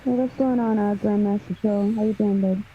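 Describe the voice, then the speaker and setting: A woman's voice: medium pitch, fairly quick, slight background noise. A woman calling into a live panel and chatting casually with lots of hesitant ums. Her phone mic makes her sound muffled and underwater. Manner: relaxed, hesitant with many ums. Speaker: panel caller. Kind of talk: casual call-in chat. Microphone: phone on a livestream call. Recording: muffled, tinny phone line.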